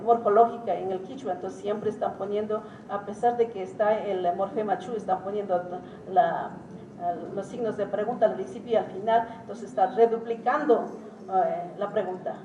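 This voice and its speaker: A woman giving an academic lecture as a teacher, talking haltingly with many pauses and hesitations. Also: medium pitch, warm tone. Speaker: symposium speaker and Quichua teacher. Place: conference hall. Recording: roomy hall, distant mic, faint noise.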